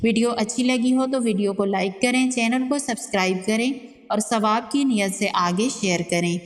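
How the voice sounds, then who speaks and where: A woman teaching recitation rules in a fairly high voice, moving calmly through each rule one at a time. Between the rules she recites verses very slowly, drawing out the sounds. A long reverb trails after her voice. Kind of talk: tajweed lesson with slow recitation.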